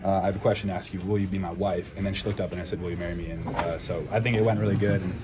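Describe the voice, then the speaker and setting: A man's voice: sits low, steady tone, crowd noise. A young man, a college football punter, answering reporters after a game, upbeat and grateful, recorded on handheld phones in a busy interview area. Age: young adult. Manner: upbeat, grateful, talks quickly. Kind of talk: postgame press interview. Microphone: handheld recorders and phones held close.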